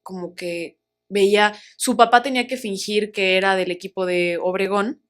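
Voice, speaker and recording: A young woman with a Mexican accent, an actress telling a story in a casual interview, animated and acting out the voices of the people she quotes. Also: mid-range voice, moderate pace. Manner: animated, acts out quoted voices, laughs often.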